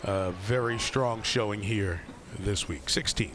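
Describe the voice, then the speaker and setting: A man's voice: on the low side, measured pace. A man giving live golf tournament commentary in short, clipped broadcast phrases. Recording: crowd and outdoor noise behind. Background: spectators and outdoor course ambience.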